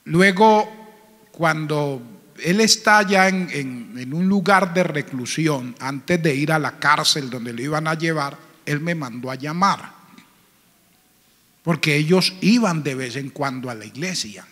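A man preaching a sermon as pastor, telling stories with strong emotion, his voice swelling loud and then dropping to a near murmur. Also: on the high side, slow pace. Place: church. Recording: church hall with long reverb.

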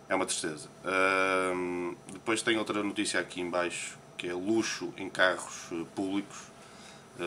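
Deep-voiced Portuguese man, chatty. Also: a little hiss or hum. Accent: European Portuguese. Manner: relaxed, chatty, with frequent hesitations. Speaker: poker player interviewee. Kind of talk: casual interview, commenting on newspapers. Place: Las Vegas, morning.

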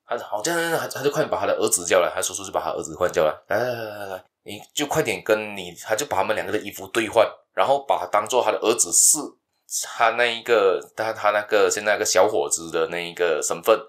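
A man's voice: sits low, fast, fairly bright tone. A man hosting a casual storytelling podcast, chatty and conversational. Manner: chatty, conversational, restarts often.

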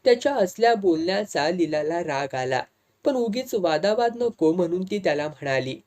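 A narrator reading a serialized novel aloud in a steady, earnest storytelling manner. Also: mid-range voice, moderate pace.

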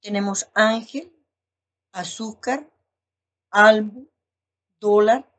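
Slow-talking woman teacher explaining a lesson, lots of ums, careful word by word. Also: mid-range voice. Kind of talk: recorded online language lesson.

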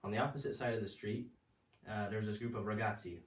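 A man with a lowish voice tells a personal story, looping back and restarting his sentences. The room is roomy and echoing. The mic sits some distance from him. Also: fairly even intonation, fast. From United States. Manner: rambling, many restarts and fillers. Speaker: vlogger giving life advice. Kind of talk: casual storytelling monologue.

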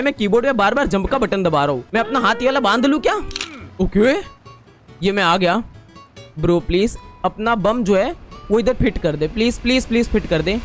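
A young man giving excitable, casual commentary while playing a game, talking to his viewers and scolding the game. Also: high-pitched. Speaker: gaming YouTuber.

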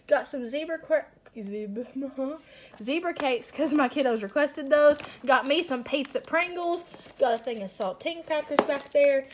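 A young woman chatting excitedly as she unpacks groceries at home, with self-mocking asides and bursts of delight. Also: high voice, noisy background. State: out of breath. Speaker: stay-at-home mom vlogger. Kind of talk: casual grocery haul chat. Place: home kitchen. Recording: rustling bags and clicks behind.

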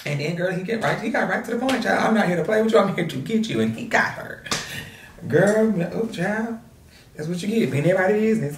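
A young man hosting a movie reaction video, loud and dramatic, swearing and shrieking at the screen. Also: high voice, reverberant, distant mic, a little hiss or hum.

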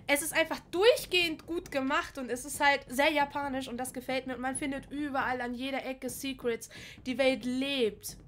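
A woman's voice: high-pitched, a bit bright, slight background noise. A woman giving casual, enthusiastic let's-play commentary while she finishes a game, gushing and chatty. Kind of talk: casual commentary over gameplay.

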